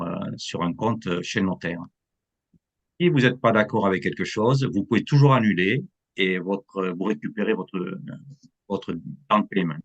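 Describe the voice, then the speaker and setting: A French real estate agent walks through the buying process in an interview, dropping English terms into his answers. His voice sits on the low side, and the recording has its high frequencies cut off.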